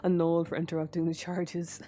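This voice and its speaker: A woman's voice: on the low side, completely flat delivery, normal speed, mellow. A young woman commentating a story game as she plays, talking casually with lots of fillers and an exasperated, overthinking manner. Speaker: gaming streamer. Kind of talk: casual let's play commentary.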